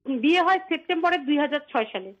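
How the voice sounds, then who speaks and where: A woman's voice: sits high, expressive, fast talker. A woman calling in to a show over a phone line, telling a story hesitantly and repeating herself. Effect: phone call heard on air. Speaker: caller to a call-in show.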